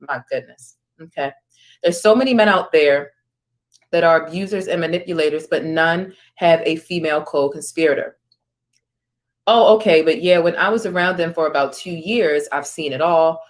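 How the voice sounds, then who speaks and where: A woman with a low-pitched voice, speaking at normal speed, hosts an online news stream. She reads screenshots aloud and comments informally, tossing in asides and reactions.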